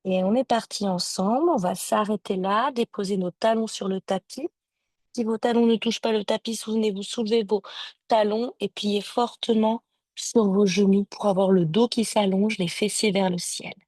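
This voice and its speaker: A woman yoga teacher giving calm step-by-step cues and breath counts to a class over a video call. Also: mid-range voice, normal speed, no room sound. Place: home or studio, streamed on a video call. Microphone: video call microphone.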